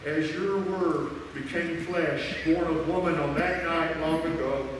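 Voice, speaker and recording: An older man, a pastor, solemnly leading liturgy and prayer aloud in measured phrases to a congregation. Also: a little high, fairly even intonation. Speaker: pastor leading a Christmas Eve communion service. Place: large church sanctuary, indoors. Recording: echoing cathedral-like church reverb, distant microphone, faint noise.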